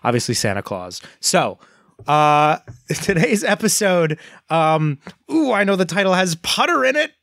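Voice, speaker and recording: Animated, joking male podcast co-host. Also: sits high, measured pace, vocal fry, no echo, studio quality. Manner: playful, jumps into silly put-on voices. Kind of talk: casual comedic chat. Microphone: studio podcast microphone.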